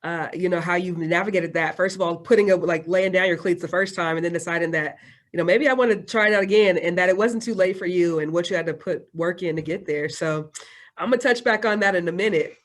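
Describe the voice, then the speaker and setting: A woman's voice: on the low side, quick pace. A woman coach and doctoral student hosting an interview, asking long, upbeat questions in a talkative way. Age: adult doctoral student.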